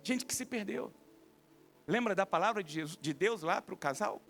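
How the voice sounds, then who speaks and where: Bright-voiced animated Brazilian preacher. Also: male voice, sits high, moderate pace, soft background music. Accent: Brazilian Portuguese. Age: 30s. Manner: animated storytelling, acting out quoted voices. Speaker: pastor. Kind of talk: sermon.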